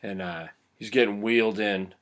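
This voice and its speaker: A man's voice: on the low side, steady tone, normal speed. A man casually retelling a movie scene his own way, rambling and swearing a lot. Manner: crude, rambling, profane. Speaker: vlogger.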